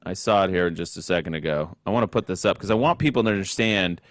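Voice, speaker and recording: A man's voice: low voice, fast talker, dry recording, clean studio sound. A man hosting a political talk show, giving commentary and putting questions to guests.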